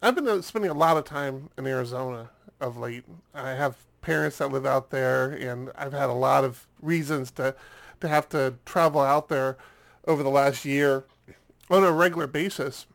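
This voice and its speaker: A gravelly, fairly bright voice at medium pitch and moderate pace belongs to an American man co-hosting a podcast. Congested from a lingering cold, he talks casually and meanders, echoing words each time he restarts.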